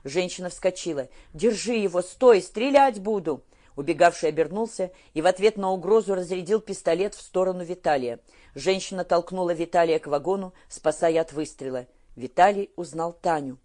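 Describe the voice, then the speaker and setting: Low-voiced woman narrating a novel. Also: a little fast. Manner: steady storytelling. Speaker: audiobook narrator. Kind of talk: scripted narration.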